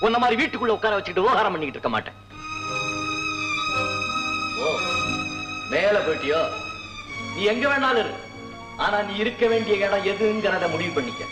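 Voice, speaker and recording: An actor playing a boisterous young village husband who teases loudly and theatrically, in 1970s film acting. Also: male voice, high voice, animated, brisk, pauses often, roomy sound, music in the background, poor audio. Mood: stern. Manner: loud mocking, theatrical, laughing.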